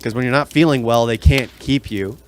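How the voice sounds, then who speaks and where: A man's voice: medium pitch, brisk, slight background noise. A man co-hosting a podcast, talking in a blunt, rambling way and complaining about his coworkers in a casual chat. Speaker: podcast co-host.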